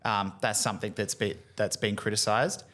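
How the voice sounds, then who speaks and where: A man hosting a casual chat about batteries, animated and talking in restarts. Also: on the low side, moderate pace. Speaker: podcast host.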